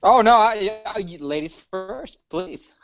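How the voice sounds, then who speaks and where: A man who works as a teacher, a guest on a casual livestream, talking in a friendly, slightly halting way. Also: high voice, fairly bright tone. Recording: dry, dull lo-fi audio.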